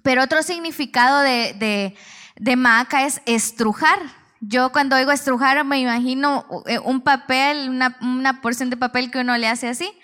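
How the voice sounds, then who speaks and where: A woman's voice: high-pitched, moderate pace, sharp tone. A woman, preaching a sermon and telling a personal testimony in an earnest way, with frequent restarts.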